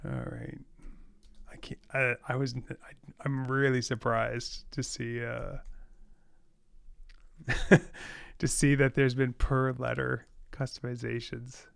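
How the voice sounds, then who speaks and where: Gravelly-voiced man thinking aloud. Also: medium pitch, takes it slowly, long pauses, a bit bright, dry recording. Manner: rambling, self-talk, frequent fillers, exasperated laughs. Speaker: web developer coding on a live stream. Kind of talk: casual thinking-aloud while coding.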